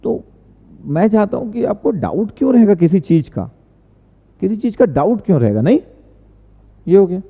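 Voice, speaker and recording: A man's voice: sits high, sing-song, moderate pace, pauses often, slightly rough. Man teaching over tinny echoey audio. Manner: chatty, answers chat questions, repeats phrases. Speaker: online tutor. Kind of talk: casual live-stream teaching.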